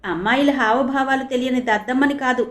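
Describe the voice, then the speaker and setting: Earnest young male reporter for an audio novel, eager and lively, as a woman narrator puts him on. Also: sits high, brisk, close to an everyday voice.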